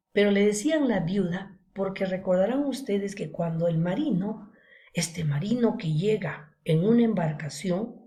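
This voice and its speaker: Mellow-voiced woman teaching. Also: medium pitch. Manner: checks in with students, frequent "¿no?" and "¿se acuerdan?" tags. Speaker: literature teacher. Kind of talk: online class lecture retelling a story.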